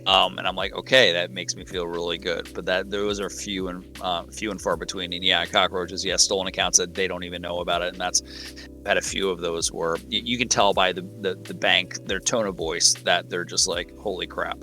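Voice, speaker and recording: Guy with a low bright voice, stops and restarts a lot, faint music behind. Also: little pitch movement. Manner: halting, many restarts and fillers. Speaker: guest scambaiter. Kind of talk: casual chat.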